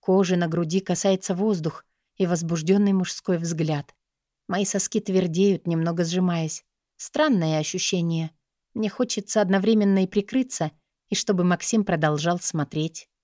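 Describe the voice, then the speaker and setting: A woman's voice: lowish voice, steady tone, moderate pace, warm tone, dry recording, clean studio sound. A woman reading scripted first-person romance fiction as an audiobook narrator, in an intimate, sensual way.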